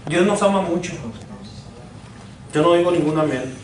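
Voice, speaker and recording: A man's voice: fairly high pitch, moderate pace, a crowd in the background. A man, a pastor preaching a sermon with repeated rhetorical questions and call-and-response. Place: church sanctuary. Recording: echoey church from far off.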